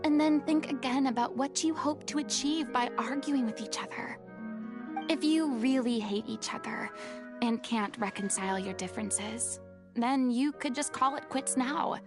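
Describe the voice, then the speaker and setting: A woman's voice: high voice, moderate pace. A woman voicing a stern, commanding young woman in a video game, lecturing in a firm voice. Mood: earnest. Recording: game music underneath.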